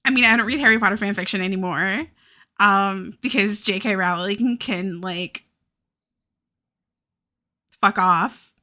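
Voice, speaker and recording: A young Southern US woman draws on a live stream while chatting in a rambling, casual way, laughing and cursing frequently. Her mid-range voice is bright and forceful, a little slow, with long pauses.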